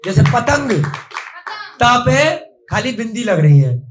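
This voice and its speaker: A man's voice: extremely high pitch, sing-song, takes it slowly, roomy sound, background noise. A young man teaching a classroom lesson, patiently asking the class questions.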